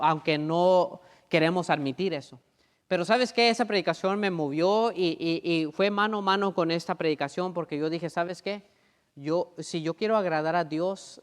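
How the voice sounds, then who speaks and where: A male pastor delivers a sermon in a conversational, back-and-forth manner. He often checks that the congregation is following and repeats phrases for emphasis. His voice sits a little high, and it rings out with a long reverb in a church sanctuary. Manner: conversational preaching, keeps asking "¿verdad?".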